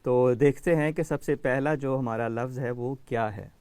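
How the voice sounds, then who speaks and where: A man's voice: mid-range voice, a little mellow, clean tone, no echo. A man hosting a children's education program, patiently calling on kids by name to answer quiz questions.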